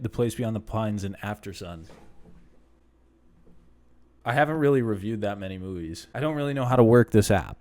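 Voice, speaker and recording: A man in his late twenties, speaking at a middle pitch, chats through viewers' questions in a loose, rambling way. He restarts sentences often and pokes fun at himself as he goes. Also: a little mellow. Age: late 20s. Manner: rambling, self-deprecating, conversational with restarts. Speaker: channel host. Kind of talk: casual Q and A vlog.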